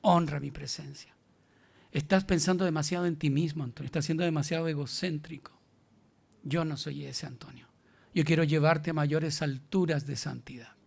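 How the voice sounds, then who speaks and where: A man voicing the Holy Spirit, gently rebuking in a hushed, half-whispered voice. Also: a little high, fairly even intonation, fairly quick, creaky.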